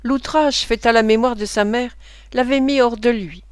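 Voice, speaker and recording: A woman reads a classic novel aloud in a steady, measured audiobook style. Her voice is crisp and a little high, recorded dry and close. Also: no echo. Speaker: reader.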